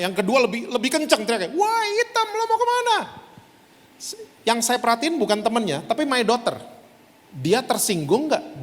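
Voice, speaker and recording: High-voiced man preaching in a reverberant hall. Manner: animated, conversational preaching with asides to the congregation. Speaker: pastor. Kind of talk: sermon. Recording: long reverb of a large hall.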